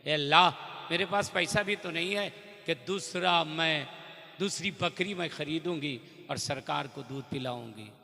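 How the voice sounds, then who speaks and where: A man's voice: a little high, unhurried, creaky, pushed and bright, heavily acted. A man voicing a poor, grieving older nursemaid in a story within a sermon, in a pleading tone. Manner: pleading, tearful. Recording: long reverb in a large hall.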